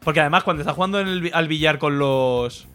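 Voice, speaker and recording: Sweary man, bright voice. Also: a little high, quick pace, soft background music. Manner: blunt, sweary, jokey commentary. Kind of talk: casual podcast chat retelling a film.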